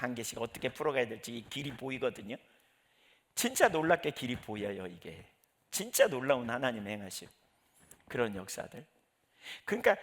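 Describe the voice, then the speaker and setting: A man's voice: mid-range voice, vocal fry, fairly bright tone. A middle-aged male pastor giving a conversational sermon, telling personal stories and acting out his own prayers.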